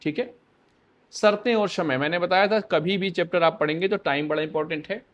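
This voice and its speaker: High-voiced male teacher quizzing himself. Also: a little fast, highs cut off. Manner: asks questions and answers them himself. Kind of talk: exam-prep history lecture.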